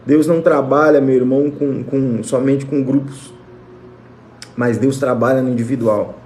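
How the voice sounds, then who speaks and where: Fervent pastor in an echoey room. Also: male voice, mid-range voice, fairly even intonation, normal speed, darkish tone, a little hiss or hum. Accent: Brazilian Portuguese. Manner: fervent, repetitive blessing of viewers by name. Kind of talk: prayer and sermon on a livestream. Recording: echoey room with faint music.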